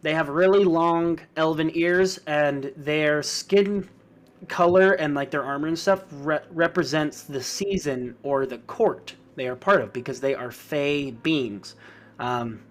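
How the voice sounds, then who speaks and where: A man's voice: fairly high pitch, a little slow. A man narrating a tabletop game as game master, rambling with many fillers and restarts.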